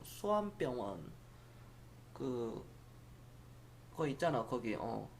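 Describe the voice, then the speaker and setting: Chatty streamer with a lively, swooping voice. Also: male voice, medium pitch, slight background noise. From Jeolla province, South Korea. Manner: rambling, chatty, answers viewer comments aloud. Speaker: stock-market live streamer. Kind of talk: casual live-stream chat with viewers.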